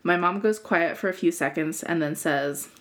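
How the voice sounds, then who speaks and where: A woman's voice: on the low side, moderate pace, a bit bright. A woman co-hosting a podcast, reading out listeners' scary stories and chatting casually.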